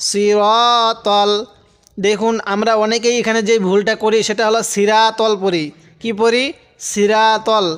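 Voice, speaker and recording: Man teaching slow spelled-out recitation. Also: sits high. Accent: Bangladeshi Bengali. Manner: slow drawn-out syllable-by-syllable recitation, then quicker plain explanation; addresses viewers directly and pauses for them to repeat. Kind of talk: slow spelled-out Quran lesson.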